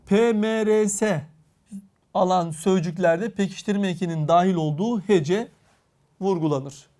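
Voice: mid-range voice, dark tone. A teacher giving a recorded grammar lesson, speaking to the class directly and drawing out each example word. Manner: deliberate, drawn-out reading of example words.

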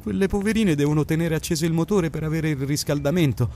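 Stranded motorist, middle-aged, nervy, stammering and high-pitched, as a male reader plays him. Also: wildly swooping pitch, fairly quick, mellow, a little hiss or hum, heavily acted. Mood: anxious.

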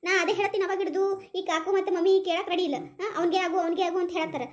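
A woman's voice: extremely high pitch, fairly even intonation, racing. A woman voicing a stubborn young woman who refuses an arranged match, in a North Karnataka Kannada accent. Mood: defiant. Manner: defiant, mocking. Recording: roomy echo.

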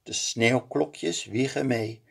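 A man reading a children's picture book aloud in a slow, expressive storytelling manner. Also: mid-range voice, vocal fry, breathy edge.

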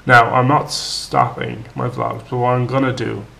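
A man, hoarse and raspy from tonsillitis, talking casually to his viewers in a vlog, rambling with lots of fillers. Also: mid-range voice, big pitch swings, moderate pace, sharp tone. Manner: rambling, many fillers and restarts. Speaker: vlogger.

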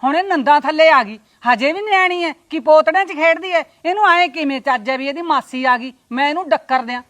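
An actress playing a sharp-tongued, middle-aged visiting aunt in a Punjabi short drama, complaining and scolding with indignation. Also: female voice, high-pitched, brisk. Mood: indignant.

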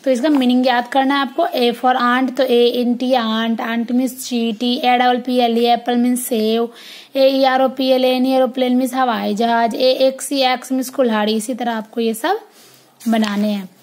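A woman teaching a kindergarten class online, with a fairly high voice. She drills letters and words slowly and in a sing-song way, as a teacher speaking to small children does. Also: flat delivery, darkish tone.

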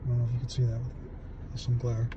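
A man in his forties talks quickly in a medium-pitched voice while casually reviewing a toy on camera inside his parked car. His relaxed chatter is full of fillers, captured on a phone held at arm's length. The highs are cut off, and the background is noisy.

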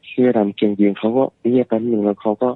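Male caller, storyteller, low voice, dry tinny phone line. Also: little pitch movement, fast, no room sound. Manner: acts out frightened voices in quotes. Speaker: caller telling a ghost story. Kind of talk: casual storytelling.

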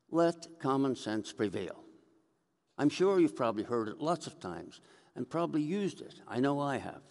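An older priest delivers a conversational sermon into a gooseneck lectern mic, telling stories and gesturing as he preaches. His voice is mid-range and a little mellow, echoing through a reverberant church sanctuary indoors.

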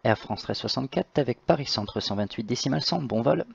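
Male tower controller issuing radio clearances, average-pitched voice, slightly dull channel. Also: expressive, brisk. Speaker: tower air traffic controller. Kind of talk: air traffic control radio phraseology.

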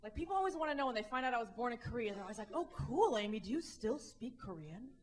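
Onstage at an indoor comedy club, a stand-up comedian in her thirties from the Midwest delivers a wry, lively set with a handheld mic, impersonating the people she quotes. Her voice runs on the high side, and she speaks fast.

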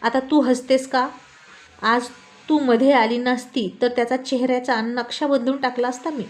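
A woman voicing a quick-tempered, protective young man who teases his girlfriend in playful banter. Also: on the high side, close to an everyday voice. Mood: irritated. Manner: playful banter with Hindi phrases.

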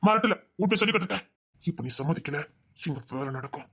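A woman's voice: mid-range voice, expressive, a bit bright. A woman acting an obsessive young man who begs and threatens his beloved, in a web drama. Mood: menacing. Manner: pleading and possessive, fast.

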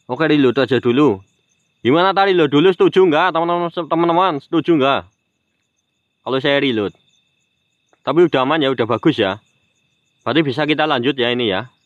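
A man's voice: fairly high pitch, fairly quick, pauses often, dry recording, dull audio. Chatty Banyumas man live-streaming at night. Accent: Banyumas Javanese. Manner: chatty, addresses viewers, teasing sing-song calls to a ghost. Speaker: live-stream mystery vlogger. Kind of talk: live-stream ghost-hunting vlog. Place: outdoors at night near a graveyard. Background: crickets and insects.

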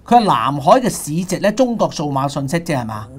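A man's voice: on the high side, sing-song, slightly rough. A man with a Hong Kong Cantonese accent, co-hosting a casual panel talk, questioning and seeking agreement. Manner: fast, questioning, keeps asking "係嘛". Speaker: co-host.

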